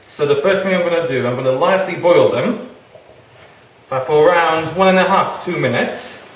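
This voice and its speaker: A man's voice: a little high, normal speed. A man from Bosnia and Herzegovina, a guest cook, explaining a kitchen demonstration step by step. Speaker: guest cook and orchid judge. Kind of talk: casual demonstration. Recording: roomy, faint noise.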